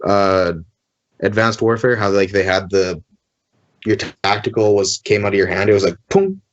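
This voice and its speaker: Male co-host, deep-ish, laid-back, lo-fi sound. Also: level tone, moderate pace. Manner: easygoing, rambling explanations. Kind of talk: casual gaming chat. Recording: dull lo-fi stream audio.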